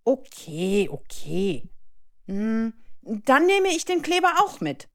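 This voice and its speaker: A woman's voice: on the high side, wildly swooping pitch, takes it slowly, voice pushed up, heavily acted. A woman voicing an eager little boy about to start school, in a storybook reading. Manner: eager, chatty.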